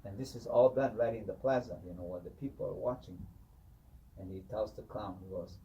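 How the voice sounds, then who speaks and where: A man telling a traditional story in an animated way, often saying "you know". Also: lowish voice, brisk, lo-fi sound, a little hiss or hum. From Hopi. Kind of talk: oral storytelling. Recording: distant mic with faint ambience.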